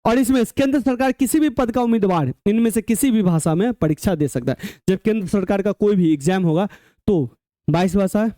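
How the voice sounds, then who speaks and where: Male teacher, high voice, mellow tone, lecturing, checks understanding often. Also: lively intonation, a little fast, no echo, clean studio sound. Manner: keeps checking students follow with rising questions. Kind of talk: classroom lecture.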